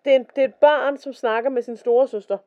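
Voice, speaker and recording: A woman's voice: sits high, steady tone. A woman co-hosting a casual podcast, reading stories aloud and chatting. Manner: chatty, reads quotes in a slower voice. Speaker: podcast co-host. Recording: dull lo-fi podcast recording.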